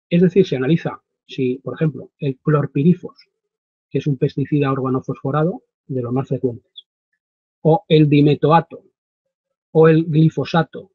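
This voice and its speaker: A male webinar presenter gives a semi-improvised explanatory lecture, speaking deliberately and emphatically with frequent pauses, his voice a little high with a breathy edge. He's in a small wood-panelled home study, picked up by a computer webcam mic at desk distance, and the audio sounds dull and roomy.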